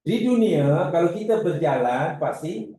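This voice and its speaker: A man giving a religious class lecture, animated and acting out his examples. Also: a little high, a little slow, slight background noise. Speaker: religious teacher. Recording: echoey room.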